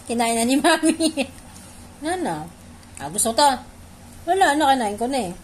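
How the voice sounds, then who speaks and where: A woman's voice: sits high, very animated, measured pace, a little hiss or hum. A woman playfully teasing her pet dog, repeating short commands and questions in a coaxing way. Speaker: pet owner.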